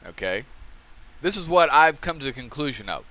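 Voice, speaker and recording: A man's voice: medium pitch, very animated, normal speed. A middle-aged man hosting a casual commentary monologue, often checking in with "okay?" and acting out scenes with a raised voice. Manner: conversational, keeps asking "okay?", acts out scenes loudly. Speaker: podcast host.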